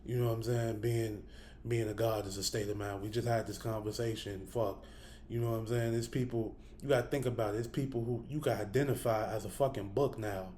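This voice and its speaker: A man's voice: lowish voice, steady tone, a little fast, mellow, a little hiss or hum. A man talking casually and bluntly to his listeners, cursing freely and thinking aloud, with the hiccups. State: has the hiccups. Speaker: host. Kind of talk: casual spoken reflection to camera.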